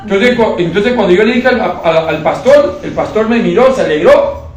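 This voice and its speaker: A man preaching a sermon in a church hall, telling stories with lively repetition of his words. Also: sits high, moderate pace. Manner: animated storytelling with many repeated words. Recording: very echoey hall, voice far from mic.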